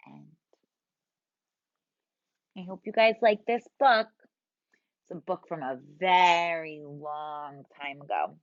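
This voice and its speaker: A woman teacher reading a picture book aloud to young children, expressive and drawn out, asking them questions, in a dull lo-fi recording. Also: sits low, dry recording. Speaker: preschool teacher.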